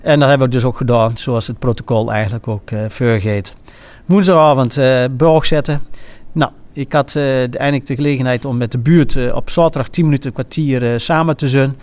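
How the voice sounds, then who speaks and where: A man speaks in an informal, reminiscing way with a regional accent from the east of the Netherlands. His delivery is halting and hesitant, and he often stops mid-sentence to find the next word. His pitch sits in a middle range for a man. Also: steady tone, darkish tone. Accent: regional eastern Dutch. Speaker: former carnival prince and innkeeper recounting his carnival.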